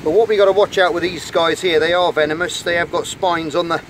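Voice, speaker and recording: A middle-aged channel host with a higher voice narrates a casual nature vlog at rocky beach rock pools, talking into a hand-held camera. He's chatty and enthusiastic, speaking quietly with a steady tone and quick pace as he handles small sea creatures. Faint wind and water noise sit behind him.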